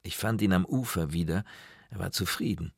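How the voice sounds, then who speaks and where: Deep-voiced male audiobook narrator. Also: normal speed, vocal fry, husky, no echo, studio quality. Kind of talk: scripted first-person narration.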